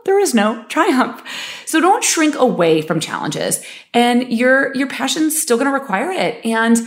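A middle-aged woman who founded a company, hosting a motivational podcast monologue, emphatic and full of filler words, laughing easily. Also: fairly high pitch.

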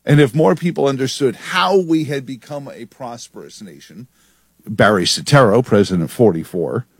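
Brief: male radio host, mid-pitched, emphatic and sardonic, dry close studio sound. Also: moderate pace, breathy edge, no room sound. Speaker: radio talk show host. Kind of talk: talk radio monologue.

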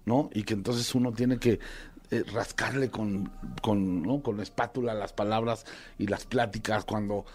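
A man with a Mexican Spanish accent, chatting as a talk show guest, animated, imitating his kids and telling silly jokes. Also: lowish voice, normal speed. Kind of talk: casual chat.

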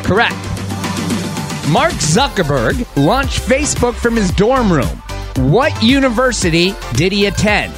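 A man's voice: high-pitched, very animated, measured pace. A man hosting a radio show, chatting casually with callers. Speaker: radio host. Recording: music playing behind voice.

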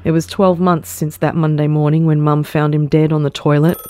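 A woman reading a first-person short story aloud, measured and sorrowful. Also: deep voice, flat delivery, warm tone, a little hiss or hum. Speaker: story narrator. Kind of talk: scripted first-person narration.

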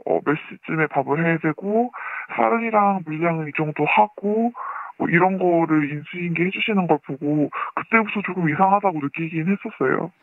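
Anonymous woman caller, voice pitch-shifted deep, dry phone sound, halting and courteous. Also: no echo. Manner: polite, hesitant, many fillers. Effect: voice pitch-shifted deeper to disguise identity. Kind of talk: phone interview on a news program. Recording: tinny phone line.

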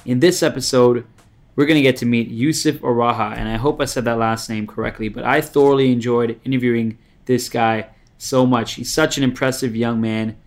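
A man's voice: mid-range voice, steady tone, fairly quick, faint music behind. A man from Canada hosting a podcast interview in an office, upbeat and joking, laughing often. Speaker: podcast host. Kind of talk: casual interview chat.

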